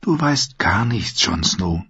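A man voicing a bold, teasing young wildling woman warrior, raised high and blunt in manner. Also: expressive, a little slow, husky, highs cut off. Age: 19 (figure).

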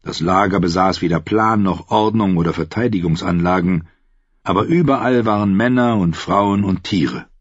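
A man narrating a fantasy audiobook in an even, steady storytelling manner. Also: sits low, moderate pace, no room sound. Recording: slightly dull, dry studio recording.

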